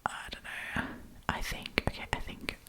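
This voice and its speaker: An ASMR host whispers in a breathy, unvoiced way at a measured pace. She reads stories aloud and chats about them informally, freely sharing her opinions.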